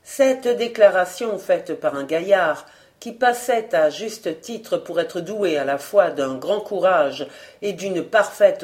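A woman narrating a novel as an audiobook, steady and expressive. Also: fairly low pitch.

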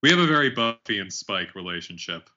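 A man's voice: on the low side, big pitch swings, a little fast, pushed and bright, lo-fi sound. A man co-hosting a casual podcast, teasing and joking with the others. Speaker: podcast co-host.

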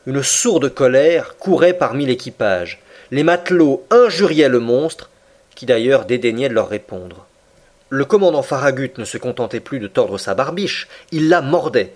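A man in the middle of his range reads a classic adventure novel aloud. His delivery is steady and measured, the voice of an audiobook narrator. His tone stays even through long descriptive passages. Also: medium pitch.

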